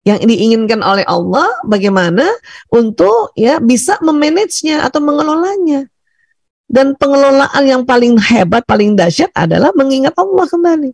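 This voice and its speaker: Gravelly-voiced Indonesian teaching speaker. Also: male voice, extremely high pitch, moderate pace, dry recording. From Bugis Makassar, Indonesia. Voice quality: thick, loud voice. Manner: animated, laughs often, leads breathing exercises. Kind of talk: seminar talk to teachers and parents.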